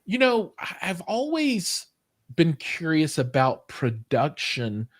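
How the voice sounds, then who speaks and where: A man's voice: fairly high pitch, wildly swooping pitch, slow. Chatty American man interviewing. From United States. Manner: friendly, chatty questions with fillers. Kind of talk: casual interview.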